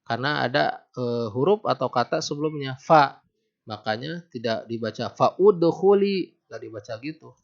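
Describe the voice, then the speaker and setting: Gravelly man teaching Arabic grammar. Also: mid-range voice. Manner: patient, quizzes the listener, slows down to recite verses. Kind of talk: recorded grammar lesson. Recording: dull lo-fi home recording.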